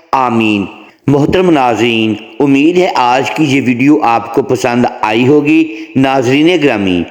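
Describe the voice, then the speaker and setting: A man narrating a scripted religious story in a solemn, reverent and measured way, then closing with a sign-off to his viewers. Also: mid-range voice, darkish tone. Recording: roomy reverb with long echo tail.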